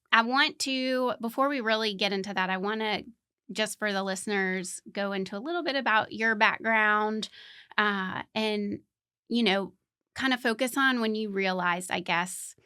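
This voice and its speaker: A woman's voice: mid-range voice, sharp tone, clear, resonant tone, no room sound, studio quality. A woman hosting a podcast, introducing and interviewing a guest in a conversational style. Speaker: podcast host.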